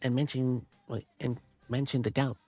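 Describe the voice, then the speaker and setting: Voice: mid-range voice, flat delivery, moderate pace, a little mellow, dry recording, faint music behind. A streamer reading game narration aloud and breaking off into giggly, chatty asides. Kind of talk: reading a visual novel aloud with commentary.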